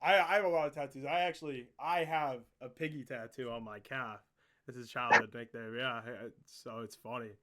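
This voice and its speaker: A man hosting a casual interview podcast, excitable and joking, swearing often as he asks questions. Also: mid-range voice, fairly quick, very noisy.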